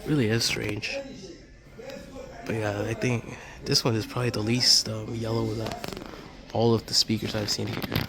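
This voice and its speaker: A male vlogger with a lowish voice and steady tone talks at normal speed, leaving long pauses, during a casual walkthrough of a large warehouse store. Shot on a handheld phone or camera, the low-quality recording carries crowd noise and clear store ambience.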